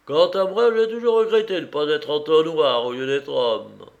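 Man doing a loud drunken reveler. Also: a little high, normal speed, dull audio, lightly acted. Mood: drunken bluster. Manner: boisterous, raised and tipsy declamation. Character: loud drunken male reveler hunting his glass.

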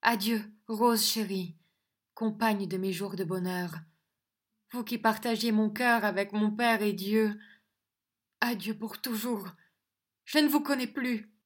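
An anguished, devout young noblewoman from a storybook, proud and solemn, her pleas rising in pitch, voiced by a woman narrator. She speaks with raised, emotional intensity. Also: slow pace, pauses often. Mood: sorrowful.

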